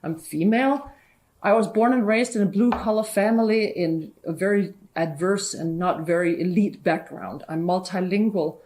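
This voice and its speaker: A woman from Denmark, a judicial candidate, earnestly listing her credentials in a campaign pitch. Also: normal speed, darkish tone.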